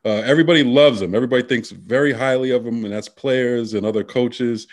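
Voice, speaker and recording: A man's voice: mid-range voice, fast. Male sports talk co-host, casual and rambling. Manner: rambling, many fillers and restarts.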